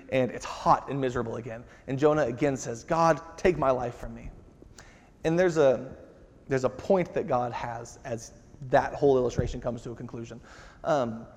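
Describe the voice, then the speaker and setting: A man's voice: mid-range voice, darkish tone. A man preaching a sermon to his congregation, talking in an easy, conversational way and acting out the lines he quotes. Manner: conversational, acts out quotes with rising intensity. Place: church sanctuary. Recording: reverberant church hall.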